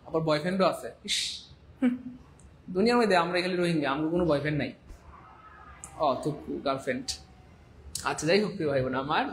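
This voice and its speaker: Give me an energetic, high-voiced male teacher. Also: a little hiss or hum. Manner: energetic, repetitive, playful, acts out little scenes. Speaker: online English teacher. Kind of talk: live online class.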